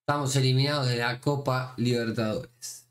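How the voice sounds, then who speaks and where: A young Argentine streamer narrating his own game live. His voice leaps into high excited yelps at every tense moment, and he talks to viewers in loose street slang. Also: normal speed. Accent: Argentine Spanish. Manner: slang-heavy, talks straight to the audience. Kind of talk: live gameplay commentary.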